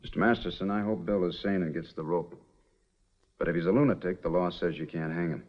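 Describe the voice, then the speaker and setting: An actor playing a steady, level-headed frontier marshal who speaks in a measured, firm way, in a 1950s TV western. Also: male voice, sits low. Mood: calm. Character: calm, steady frontier marshal, grown man. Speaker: town marshal. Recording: dull lo-fi old TV sound.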